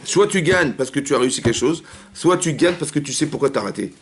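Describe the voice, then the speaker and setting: A rabbi giving a lively Torah class, rapid and animated, acting out little dialogues as he answers questions. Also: a little high, background noise. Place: community hall.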